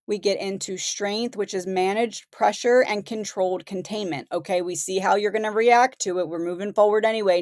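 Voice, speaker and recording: A woman's voice: medium pitch, darkish tone, no room sound, studio quality. A woman losing her voice, reading out headlines and commenting on them in a conversational way as host of her own channel. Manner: conversational, reads headlines aloud. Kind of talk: casual commentary.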